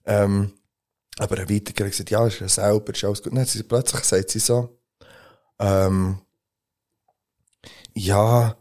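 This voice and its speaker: A man with a Swiss German accent co-hosting a podcast, telling a story in a relaxed, laughing way. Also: on the low side, moderate pace. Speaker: podcast co-host. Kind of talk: casual chat, storytelling.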